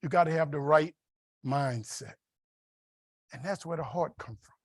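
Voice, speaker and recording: A man's voice: on the high side, unhurried, dry recording. A man giving a motivational after-dinner keynote at a conference, telling stories in an emphatic, preacherly way. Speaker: keynote speaker.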